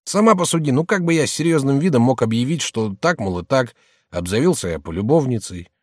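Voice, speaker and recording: Man doing a gruff, blustering shopkeeper. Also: mid-range voice, expressive, a little fast, a little mellow, no room sound, clean studio sound, lightly acted. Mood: placating. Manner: gruff, by turns placating and bullying. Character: rough, boastful male shopkeeper, middle-aged, blustering.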